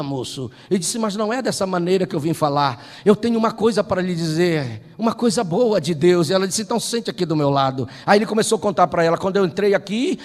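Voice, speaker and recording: A male pastor from Brazil telling a story in a Sunday school sermon, building from hushed narration to impassioned preaching. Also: sits high, in a large hall.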